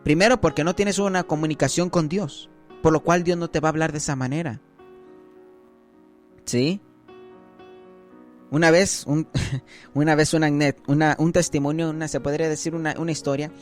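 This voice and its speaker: A man's voice: fairly high pitch, steady tone, normal speed, pauses often, soft background music. A man giving a conversational sermon as a preacher, often checking in with his listeners.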